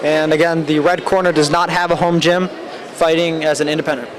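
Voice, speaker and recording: High-voiced male boxing commentator over loud crowd. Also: flat delivery, a little fast. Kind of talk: live play-by-play commentary. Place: public boxing event venue. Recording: loud crowd noise at venue.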